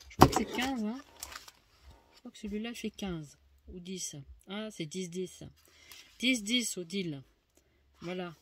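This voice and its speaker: A woman's voice: mid-range voice, background noise. Chatty woman unboxing amid crinkling packaging. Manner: chatty and hesitant, thinks aloud with many fillers. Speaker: craft vlogger showing a haul. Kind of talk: casual unboxing commentary. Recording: loud crinkling of packaging and clicks.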